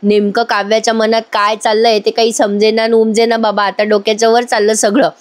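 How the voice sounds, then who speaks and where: A woman's voice: a little high, little pitch movement, fairly quick, no room sound. A woman casually retelling a TV serial episode, chatting directly with her viewers. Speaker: serial recap host. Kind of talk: casual storytelling recap.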